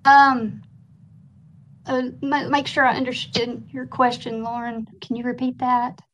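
A woman's voice: fairly high pitch, little pitch movement, measured pace, fairly bright tone, rough recording. A woman staff presenter explaining and answering questions at a formal meeting.

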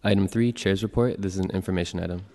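Deep-voiced clerk reading a roll call. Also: male voice, quick pace. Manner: steady, businesslike reading of roll calls and announcements. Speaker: meeting clerk. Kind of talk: formal public meeting proceedings. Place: large legislative chamber. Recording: long reverb of a large chamber.

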